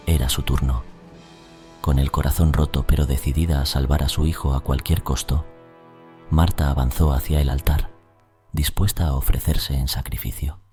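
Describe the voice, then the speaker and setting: A man narrating a scripted horror story in a solemn, ominous, measured storytelling manner. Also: very deep voice, warm tone. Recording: music bed under voice. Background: music.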